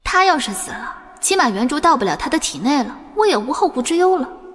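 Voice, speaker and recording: An actress playing a sharp-tongued young princess consort who taunts coldly. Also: female voice, sits high, big pitch swings, fairly quick. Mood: mocking. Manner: scornful, coolly taunting. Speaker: prince's wife.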